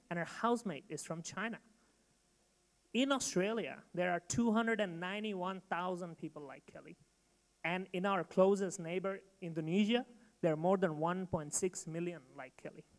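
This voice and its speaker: A man from Bangladesh giving a rehearsed startup pitch to an audience, emphatic and direct. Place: event hall. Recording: long hall reverb.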